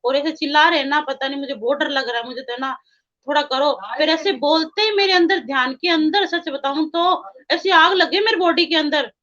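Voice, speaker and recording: A woman's voice: sits high, a bit bright, highs cut off. A woman earnestly recounting a spiritual experience in a casual, repetitive way, often quoting her own prayers. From India. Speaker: guest devotee.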